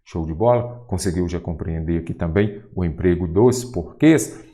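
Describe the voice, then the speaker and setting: A man's voice: low voice, normal speed, warm tone. A middle-aged man with a Brazilian accent, a Portuguese teacher going through exam questions, asking rhetorical questions and stretching out the answers.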